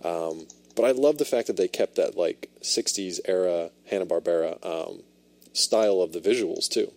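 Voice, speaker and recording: Very deep-voiced enthusiastic man. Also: normal speed, darkish tone. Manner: enthusiastic, explains what he looks up. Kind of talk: casual chat.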